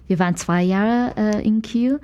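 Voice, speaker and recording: Guesting in an interview, a dancer and dance teacher from Malaysia speaks conversationally with a Malaysian accent, hunting for words in a later-learned language, as her native ones are English, Mandarin and Malay. Her mid-range voice is unhurried and dark-toned, clean but with the highs cut off.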